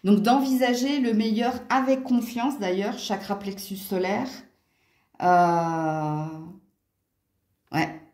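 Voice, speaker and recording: Slow, steady and a little mellow, a woman with a mid-range voice and a Franche-Comté accent takes long pauses during a casual tarot and astrology reading for viewers. She's chatty, with little exclamations and "hein" tags throughout. She records at home near a window, and the sound is roomy and echoey.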